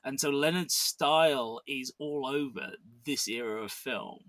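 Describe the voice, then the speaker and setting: This man, co-hosting a podcast, discusses a movie in a medium-pitched, slightly bright voice at a measured pace. He rambles, often restarting and using fillers, and the recording is dry.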